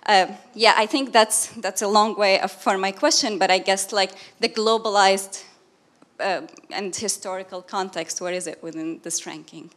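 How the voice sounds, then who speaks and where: A woman's voice: medium pitch, moderate pace, fairly bright tone. A young woman from Syria speaks up from the audience at a panel talk. She winds through a long question with frequent ums and restarts. She is picked up by a room mic in a lecture hall. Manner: hesitant, long winding question with many fillers. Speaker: graduate student asking a question.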